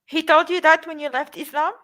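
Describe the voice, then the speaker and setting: A woman's voice: high voice, fairly even intonation, brisk, sharp tone. A woman hosting a livestream, asking short sympathetic follow-up questions in casual chat. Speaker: livestream host.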